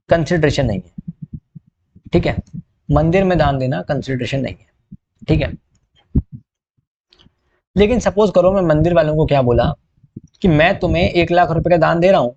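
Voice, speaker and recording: A young male lecturer with a slightly high voice talks through a recorded exam-prep class, joking and checking in with his students as he goes. He slips English terms in with an Indian accent. The recording sounds dull and lo-fi. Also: darkish tone. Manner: chatty, joking, asks students questions.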